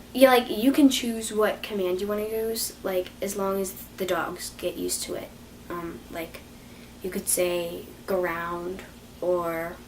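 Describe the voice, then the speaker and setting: A young woman talking casually to camera about training dogs, rambling, apologizing and laughing at herself. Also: mid-range voice. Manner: rambling, self-deprecating, giggly. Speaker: dog training vlogger. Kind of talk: casual unscripted vlog. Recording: distant mic with faint noise.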